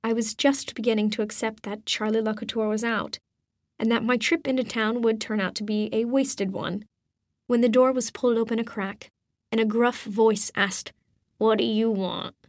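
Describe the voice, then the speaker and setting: Woman reading an audiobook, high and dry. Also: no echo. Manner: measured, expressive reading. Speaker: audiobook narrator. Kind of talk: first-person audiobook narration.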